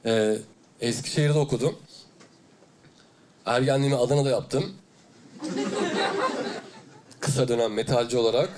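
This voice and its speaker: A man's voice: medium pitch, moderate pace, pauses often, some chatter behind, a little hiss or hum. A young man telling stories animatedly in a stand-up comedy set on stage before a live audience. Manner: animated storytelling, acts out characters.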